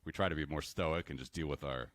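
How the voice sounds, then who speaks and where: A man's voice: a bass voice, quick pace, fairly bright tone, no room sound. An American man co-hosting a podcast, talking in a casual, rambling way with many fillers and restarts. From United States. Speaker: podcast co-host. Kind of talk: casual chat.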